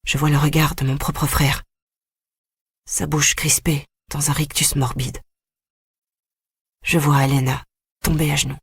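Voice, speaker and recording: A grave audiobook narrator telling a dark story in the first person. The voice is husky and sits close to the mic, with a dry sound and no room around it. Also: mid-range voice, flat delivery, unhurried, pauses often, dry recording. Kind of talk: scripted narration.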